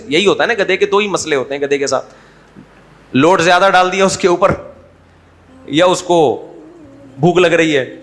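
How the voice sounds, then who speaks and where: A man's voice: fairly high pitch, a bit bright, slight background noise. A middle-aged man with a Pakistani Urdu accent giving a humorous religious talk, conversational, with mocking asides. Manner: conversational, mocking asides, acts out quoted voices. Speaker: Islamic scholar giving a talk.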